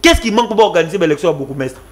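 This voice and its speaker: Fiery high-voiced Congolese man. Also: animated, very fast. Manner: fiery, repetitive, mixes French and Lingala. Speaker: guest commentator. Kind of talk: impassioned political talk.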